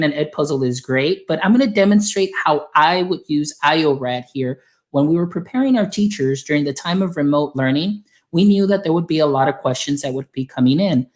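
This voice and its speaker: A man from Texas, working as an instructional software specialist, walking teachers through a browser extension in a friendly, explanatory way. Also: on the high side. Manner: friendly, explanatory, filler-heavy. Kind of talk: software tutorial demo.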